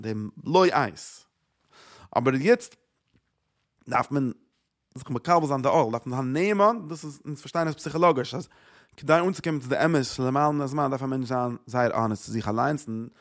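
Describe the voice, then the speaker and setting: A man's voice: mid-range voice, animated, normal speed, fairly bright tone. A man teaching a Torah lecture, repeating phrases and asking rhetorical questions. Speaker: religious teacher.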